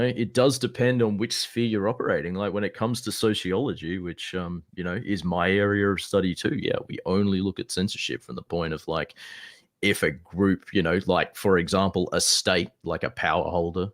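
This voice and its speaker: A young man arguing casually in an online debate, informal and sweary, with a dismissive, exasperated way of talking. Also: sits low. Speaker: debate participant. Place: online voice call.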